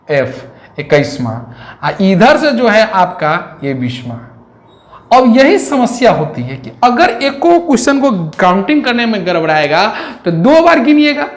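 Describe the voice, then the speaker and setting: Guy teaching reasoning, keeps asking questions, roomy echo. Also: sits high. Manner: chatty, counts aloud, asks rhetorical questions. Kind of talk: classroom lecture on exam reasoning.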